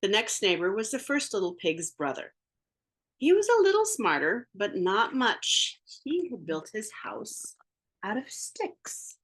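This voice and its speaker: A woman reading a picture book aloud, narrating in first person as the wolf, playful and theatrical with sound effects and drawn-out words. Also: medium pitch, sing-song, a bit bright. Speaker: storybook reader.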